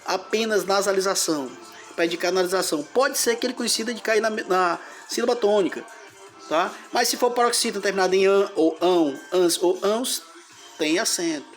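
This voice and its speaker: A man teaches grammar in a patient, step-by-step way. He repeats each word and sounds it out syllable by syllable. Soft music plays faintly behind him. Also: high voice, a little fast. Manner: explains step by step, repeating words and splitting syllables. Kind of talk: grammar lesson.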